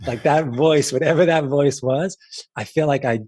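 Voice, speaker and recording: A man with a husky, slightly breathy voice chats as a guest. He rambles and restarts his sentences, leaning on fillers. The sound is dry and close. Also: a little high, moderate pace, darkish tone, dry recording. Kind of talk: casual chat.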